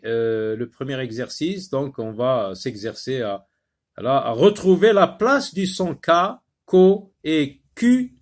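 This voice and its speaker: Slow, patient male French teacher. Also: medium pitch. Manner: slow, patient, repeats words syllable by syllable with many fillers. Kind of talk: phonics lesson for young learners.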